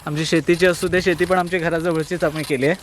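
Konkan man in his thirties, high voice, casual talkative vlogger. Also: quick pace, a little hiss or hum. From Konkan, Maharashtra. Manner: chatty, talks to his small daughter in a lively sing-song. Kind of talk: casual walking vlog.

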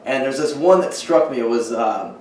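A young man co-hosting a podcast, telling an unsettling story haltingly with many fillers in casual chat. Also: mid-range voice, darkish tone. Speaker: podcast co-host. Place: dining room at night, around a table. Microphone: far camera. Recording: roomy, distant, faint hiss.

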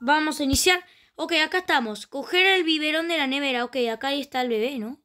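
A woman's voice: sits high, fast talker, pushed and bright, faint music behind. A woman with a Rioplatense Spanish accent, chatting casually through a let's play and exclaiming often. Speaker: gaming channel host.

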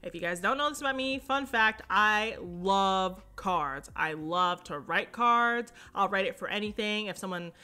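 A woman's voice: medium pitch, animated, unhurried, few pauses, pushed and bright, clear, resonant tone. A young woman narrating a casual home decor shopping vlog, chatty and upbeat, with plenty of fillers and little asides. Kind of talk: casual shop-with-me voice-over.

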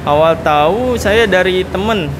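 A man's voice: high-pitched, a little slow. A young man chatting casually as an interview guest, giving short answers in a noisy showroom. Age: young adult. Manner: informal, brief answers. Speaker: giveaway winner being interviewed. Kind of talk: casual chat. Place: large indoor car wheel showroom. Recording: very noisy indoor shop ambience.

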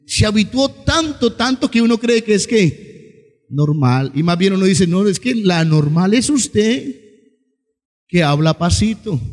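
A man preaching a sermon as a pastor, animated and asking the congregation questions. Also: sits high. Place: church hall. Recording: long hall reverb.

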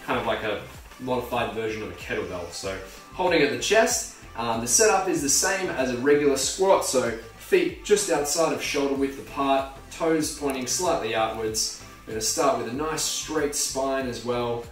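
A man's voice: mid-range voice, expressive, moderate pace. Young male fitness instructor in an echoey hallway. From Australia. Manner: friendly, loose with fillers. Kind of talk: casual exercise tutorial. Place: home hallway, indoors. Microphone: camera mic, close then from across the room. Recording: echoey room, distant at times, faint music.

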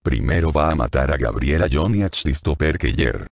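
A man's voice: a bass voice, animated, normal speed, vocal fry, no echo, exaggerated voice. A man voicing a hardened, sardonic Russian woman agent in an audiobook, with a dry, cool, mocking manner.

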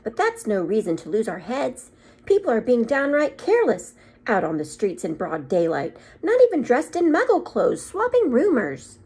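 A stern older witch professor from a storybook , acted by a woman reading aloud. She is exasperated and emphatic, her pitch leaping high and swinging widely, with a slightly husky edge. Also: wildly swooping pitch, normal speed, darkish tone, full character voice. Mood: impatient, indignant. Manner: emphatic, indignant.

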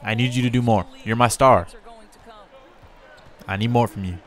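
A man hosting a casual gameplay commentary, chatty and talking straight to his in-game players, with bursts of excitement. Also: mid-range voice, normal speed. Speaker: gamer and channel host.

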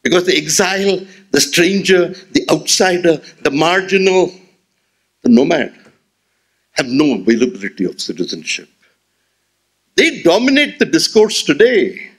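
Through a gooseneck mic at an auditorium podium, a man in his sixties with an Indian English accent gives a memorial lecture full of rhetorical flair and gestures. His fairly high, husky voice keeps a normal speed but pauses often.

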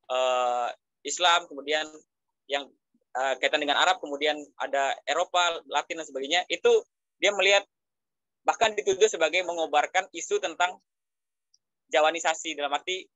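A man's voice: fairly high pitch, sharp tone, no room sound, poor audio. A man with an Indonesian accent presenting in an online discussion, hesitant, with many fillers and restarts. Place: online video call.

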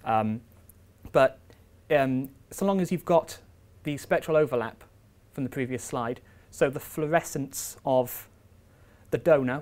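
A young man giving an academic seminar in a lecture room, explaining step by step with frequent ums and uhs. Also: mid-range voice. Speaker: visiting researcher giving a seminar.

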